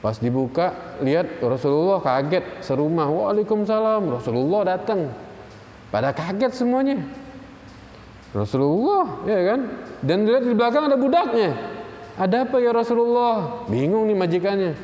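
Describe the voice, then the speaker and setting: A man giving a religious lecture, telling a story in an animated, conversational way and speaking directly to his listeners. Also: sits high, moderate pace. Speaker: religious teacher. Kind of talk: sermon with storytelling. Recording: echoey hall, faint room noise.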